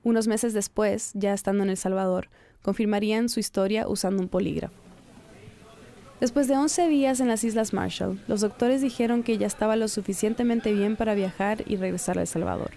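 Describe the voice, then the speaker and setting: Mellow-voiced woman narrating a documentary. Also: mid-range voice, vocal fry. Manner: calm, measured storytelling. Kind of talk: scripted narration.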